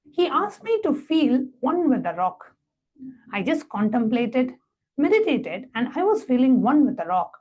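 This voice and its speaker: Reading a story aloud and then leading step-by-step guided instructions, a woman presents a devotional satsang in a measured, reverent manner. Her voice sits on the high side with a breathy edge, and the recording is lo-fi.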